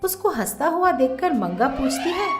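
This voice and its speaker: A woman narrates a cartoon story with a high, bouncing voice that swings all over. Her delivery is lively and expressive. The room is echoey, with faint music underneath. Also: moderate pace. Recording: roomy echo with faint music.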